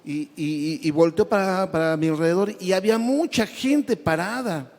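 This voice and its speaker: A man tells his conversion story before a congregation, his voice somewhat high for a man. He speaks with feeling and trips over repeated words as he goes. A long reverb trails each phrase, as in a large hall. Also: moderate pace. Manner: emotional, stumbling repetitions, addresses listeners as brother. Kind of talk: church testimony.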